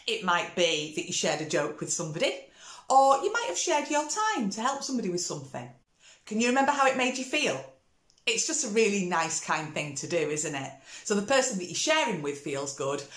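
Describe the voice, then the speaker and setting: A woman's voice: on the low side, fairly bright tone. A woman teaching a music lesson for children in an upbeat, encouraging way. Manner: upbeat, encouraging, call-and-response. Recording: roomy echo.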